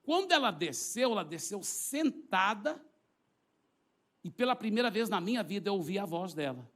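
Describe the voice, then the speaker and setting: A man's voice: high-pitched, very animated, normal speed, a bit bright. A middle-aged man, a pastor, telling a dramatic testimony to a congregation in church, acting out the scene. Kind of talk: sermon testimony.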